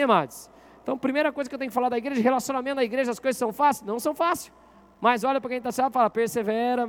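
A man preaching as a pastor to his congregation, constantly asking them questions and getting them to speak to their neighbors. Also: very high-pitched. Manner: interactive, asks the congregation questions. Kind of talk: sermon. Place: church.

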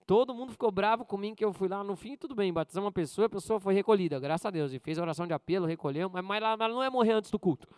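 Pastor preaching. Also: male voice, rapid-fire, few pauses, smooth, dry recording. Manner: swings between loud high bursts and quiet low asides. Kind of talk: sermon.

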